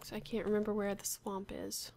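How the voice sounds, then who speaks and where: Gravelly-voiced woman muttering through a game. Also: medium pitch, flat delivery, fairly quick, a little mellow. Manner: muttering to herself, unsure and wry. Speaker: Minecraft player. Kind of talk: casual gameplay commentary.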